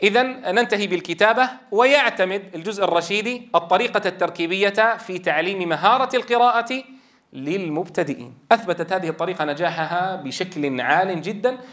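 A man's voice: high voice, quick pace, fairly bright tone. A man, a Quran teacher trainer, explaining step by step and asking the class rhetorical questions. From Levant. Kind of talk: lecture.

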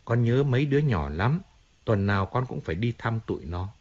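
A self-pitying middle-aged singer, read by a male narrator, pleading and complaining in an emotional, whining way. The audiobook voice sits at an ordinary male pitch. The recording sounds slightly dull. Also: lively intonation, a little fast, darkish tone, slightly rough. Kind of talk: audiobook character reading.

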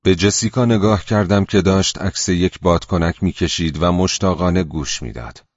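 A man reading a literary novel aloud as an audiobook narrator, calm and measured. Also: sits low, no room sound, highs cut off.

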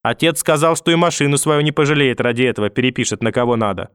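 A man's voice: medium pitch, animated, normal speed, no room sound, studio quality, natural voice. A man reading an audiobook and voicing a furious, vicious old grandmother who scolds, curses and threatens. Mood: threatening.

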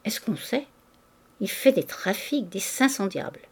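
A woman's voice: medium pitch, expressive, a little slow, slightly rough, full character voice. A woman reading aloud, voicing a bustling, gossipy middle-aged landlady in a fussy, chattering manner. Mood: grumbling. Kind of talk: audiobook reading.

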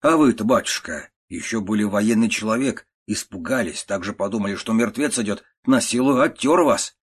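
Audiobook role: a bragging, chatty provincial doctor, low and husky, read by a man. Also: lively intonation, normal speed. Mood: boastful. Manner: boastful, chattering. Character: boastful, talkative country doctor, man. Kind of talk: audiobook character reading.

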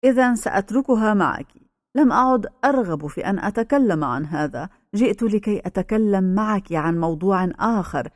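A woman voicing an aging male village pastor who speaks slowly and solemnly. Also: medium pitch, expressive, no room sound, clean studio sound, close to an everyday voice. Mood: grave.

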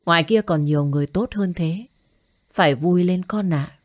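Woman doing an older father, calm, firm, encouraging, low voice. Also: normal speed, lightly acted. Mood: reassuring.

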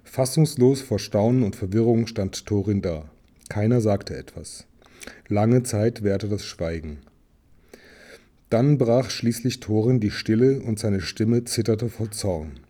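A man narrating an audiobook in a measured storytelling manner. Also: on the low side, warm tone. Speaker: reader.

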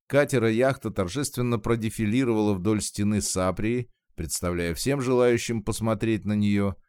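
A man reading a story aloud in scripted, expressive narration. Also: on the low side, clear, resonant tone, no echo, clean studio sound. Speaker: audiobook narrator.

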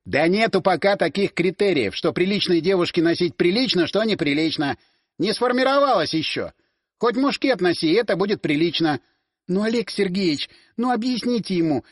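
A man's voice: high-pitched, animated, moderate pace, dry recording, clean studio sound. A man voicing a cheeky, wheedling young woman in an audiobook. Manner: wheedling, whiny. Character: cheeky red-haired young woman nicknamed Squirrel, wheedling.

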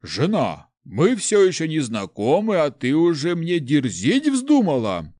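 Guy doing a shouty bully noble groom, high and swoopy, storybook villain vibe. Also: huge pitch swings, measured pace, no echo, studio quality. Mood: furious. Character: brutish hot-tempered young nobleman, bridegroom. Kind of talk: audiobook character voice.

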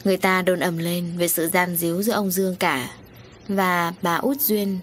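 A woman reading a story aloud as an audiobook narrator, in a steady storytelling voice. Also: on the low side, moderate pace, faint music behind.

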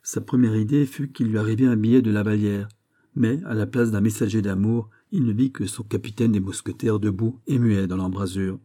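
A male narrator reading a classic novel as an audiobook in a measured storytelling way. His voice is low and deeply mellow, with a husky edge. The reading stays even and unhurried.

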